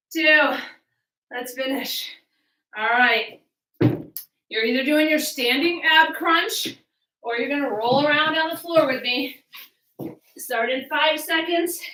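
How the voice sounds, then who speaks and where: Encouraging cues and counts come from a fitness coach running a home workout, her voice high and bright as she takes her time explaining moves. She's a little distant from the microphone, and the room echoes.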